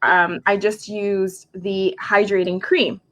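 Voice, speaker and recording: A woman's voice: mid-range voice, level tone, fairly bright tone, lo-fi sound. A woman in her forties, a makeup artist and skincare specialist, chatting casually on a live stream from home and filling her talk with "like". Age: 40s. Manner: chatty, heavy use of "like", quick asides. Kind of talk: casual live product chat.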